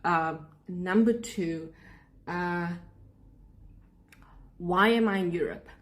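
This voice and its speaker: In a slow, lowish voice, a young woman with a South African accent rants in her vlog about life as a student abroad. She's sarcastic and indignant, speaking right to the people watching.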